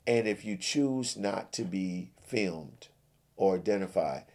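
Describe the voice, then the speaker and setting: Deep, gravelly-voiced man giving calm church advice. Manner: calm, pleading, preacher-like cadence. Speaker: comedy sketch host giving church advice. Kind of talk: comedic sketch, then preachy advice.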